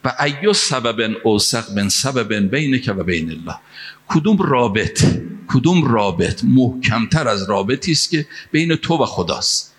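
Mashhad guy preaching, fiery sermon, pushes up loud on key points, recites bits of verse. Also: medium pitch, very animated. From Mashhad, Iran. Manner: impassioned, rising to emphatic peaks; recites Arabic phrases and verse. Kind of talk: sermon with storytelling.

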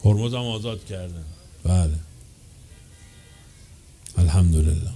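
A man preaching a sermon with passion, swinging from loud, slow declaiming to quick, quieter asides. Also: low-pitched, gravelly, faint music behind. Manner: chants quoted chains of narrators slowly.

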